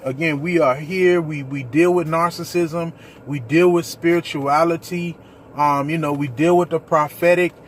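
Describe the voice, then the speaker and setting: Earnest preacherly man, slightly high voice. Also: steady tone, normal speed, a little hiss or hum. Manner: earnest, preacherly direct address to viewers. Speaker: ministry leader. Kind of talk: personal testimony vlog.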